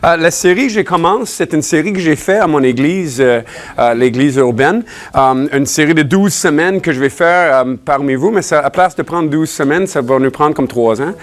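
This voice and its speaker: A man's voice: fairly high pitch, animated, moderate pace. A man from Ontario whose first language is English, preaching a casual, joking sermon in a church, with many fillers and restarts. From Ontario, Canada.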